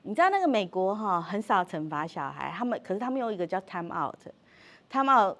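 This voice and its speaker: Middle-aged woman, parenting workshop speaker, animated, acts out dialogue, frequent laughter. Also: mid-range voice, fairly quick. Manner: animated, acts out quoted dialogue, repeats words, laughs often. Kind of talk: lively parenting talk.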